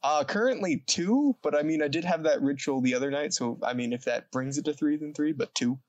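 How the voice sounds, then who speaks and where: Male game player, slightly high voice, casual, halting, thinking aloud. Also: darkish tone, dry recording, lo-fi sound. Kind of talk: casual chat.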